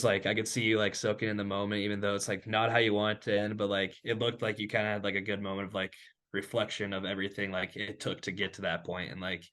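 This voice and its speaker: Young dude hosting a sports chat, low-ish voice, says like constantly, kinda rambly. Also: male voice, fairly bright tone. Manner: rambling, fills every pause with "like". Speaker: host. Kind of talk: casual sports talk.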